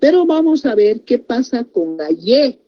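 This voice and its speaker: A woman's voice: fairly high pitch, big pitch swings, unhurried, lo-fi sound. A woman teaching a grammar lesson, explaining step by step and breaking words into syllables.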